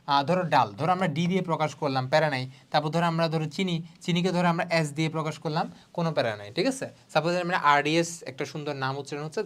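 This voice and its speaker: A young man from Bangladesh teaches biology online at a quick clip. His delivery is chatty and casual. He keeps asking his students whether they are following, and drops English words into the explanation as he goes. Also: a little high, a bit bright. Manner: checks in with students constantly. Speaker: biology tutor. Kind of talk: online exam-prep lesson.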